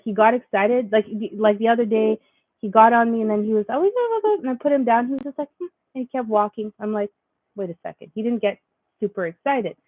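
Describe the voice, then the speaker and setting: A woman's voice: mid-range voice, dry recording. A young woman vlogger telling a faith story in a rambling way, full of fillers and restarts. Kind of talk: casual spiritual vlog monologue. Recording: dry tinny lo-fi sound.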